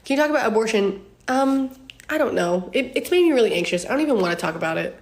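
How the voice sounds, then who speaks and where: Here's a fast-talking young woman with a high, animated voice, fielding fan questions on her phone. She's a creator in her twenties, and the Q&A is casual and candid, peppered with ums and laughs.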